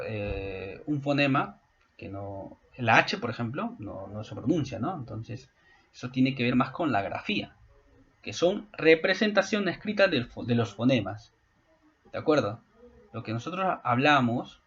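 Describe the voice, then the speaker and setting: A male school teacher explaining a grammar lesson to his class, often pausing to check that students follow. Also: medium pitch, husky, highs cut off. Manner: explanatory, frequent checking questions. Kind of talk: online class lecture.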